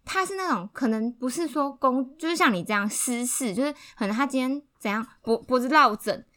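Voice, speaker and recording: A woman's voice: sits high, expressive, a little fast, fairly bright tone. A young woman who works part-time, chatting casually on a podcast with blunt, sarcastic quips. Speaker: podcast co-host. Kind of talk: casual chat.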